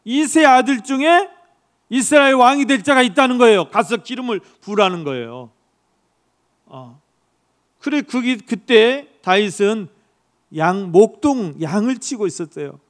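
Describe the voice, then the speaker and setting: A male pastor preaching a sermon as a lively story, acting out the characters' dialogue and putting questions to the congregation. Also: extremely high pitch, measured pace.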